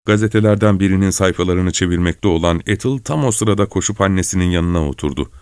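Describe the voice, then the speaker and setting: A man narrating a literary story in a measured, steady reading style. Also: low-pitched, smooth, no echo, clean studio sound. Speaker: audiobook narrator.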